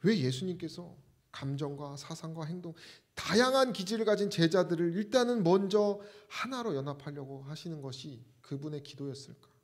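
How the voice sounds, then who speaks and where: Male pastor, fairly high voice, animated sermon delivery, rhetorical questions to the congregation. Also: normal speed, few pauses.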